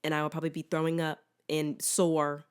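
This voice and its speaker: A woman's voice: low voice, completely flat delivery, fairly quick, smooth. An American woman hosting a casual solo sports podcast with a swollen throat, rambling candidly in a slangy, self-deprecating way. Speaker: podcast host.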